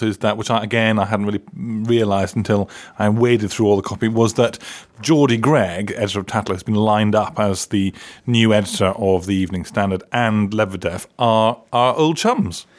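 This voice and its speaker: A man's voice: on the low side, fairly quick. A man hosting a podcast in casual chat, hesitant with many restarts. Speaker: podcast host.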